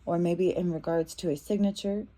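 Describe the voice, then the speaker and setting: A woman's voice: lowish voice, fairly even intonation, normal speed, warm tone, slight background noise. A woman giving a casual tarot reading, talking in a loose, repetitive way with many fillers and restarts. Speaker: tarot reader.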